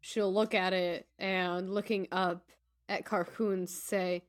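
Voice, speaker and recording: A woman who hosts a podcast plays a tabletop role-playing game, describing her character's actions. She speaks slowly in a lowish voice with little pitch movement.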